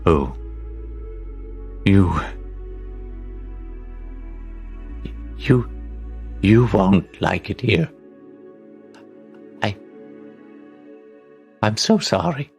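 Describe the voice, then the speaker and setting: A man's voice: lowish voice, gravelly, a little mellow, pitched above the performer's own voice, exaggerated voice. A man voicing a frail old man who stammers and frets. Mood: sorrowful. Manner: stammering, fretful.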